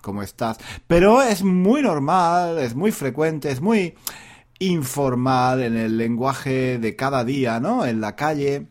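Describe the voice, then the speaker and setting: Chatty teacher, lively voice. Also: male voice, medium pitch, slow pace. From Spain. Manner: chatty, repeats phrases, laughs often. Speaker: Spanish teacher. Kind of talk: casual spoken lesson.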